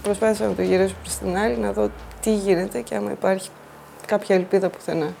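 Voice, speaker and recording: Woman recounting her own ordeal, warm dark tone, plain earnest talk. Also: mid-range voice, fairly even intonation, creaky, slight background noise. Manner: plain, earnest first-person retelling. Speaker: flood survivor telling her story. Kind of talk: personal testimony.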